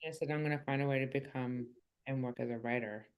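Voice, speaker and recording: A woman's voice: rumbling low, steady tone, fast, rough recording. A woman in her fifties, an author guest on a podcast, chatting casually with a self-mocking sense of humor and rambling asides. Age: 50s.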